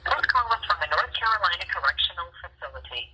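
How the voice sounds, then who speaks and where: An automated announcement plays over a prison phone line, heard from a distance through a tinny connection. The recorded voice sounds bright and harsh. Its pitch swings widely as it reads a formal notice at a quick clip. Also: big pitch swings, husky.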